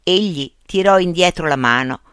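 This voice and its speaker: A narrator reading a classic story aloud in a measured, expressive storytelling manner. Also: mid-range voice, clear, resonant tone, no room sound, clean studio sound. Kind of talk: scripted audiobook narration.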